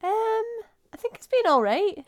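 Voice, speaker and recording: A woman's voice: very high-pitched, sing-song, unhurried. A Scottish woman co-hosting a podcast in casual, informal chat. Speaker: podcast co-host.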